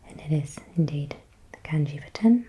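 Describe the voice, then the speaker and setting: A woman whispering softly in ASMR style, slowly repeating words and thinking aloud as she guesses. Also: deep voice, lively intonation, husky, poor audio. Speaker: ASMR creator.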